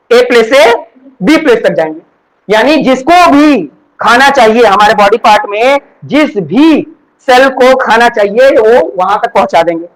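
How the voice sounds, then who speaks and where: A man with a very high-pitched voice teaches a class. He works through each idea step by step, posing questions and then answering them himself. He often repeats key words and keeps checking that his students are following. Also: rough recording. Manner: keeps checking understanding with "ठीक है? है ना?". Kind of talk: classroom lecture.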